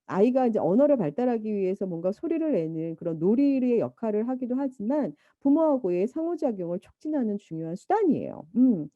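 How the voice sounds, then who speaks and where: A woman's voice: mid-range voice, no room sound. Woman teaching a class, voice jumps around a lot, dull lo-fi recording. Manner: lively, imitates baby babble and mothers' talk. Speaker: lecturer. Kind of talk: university lecture.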